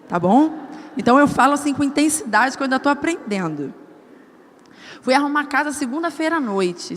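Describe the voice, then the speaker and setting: A woman preaching a sermon at a women's service, telling personal stories in an animated way and acting out the dialogue. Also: high-pitched. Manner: animated storytelling, acts out quoted dialogue. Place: church hall. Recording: church hall with long reverb.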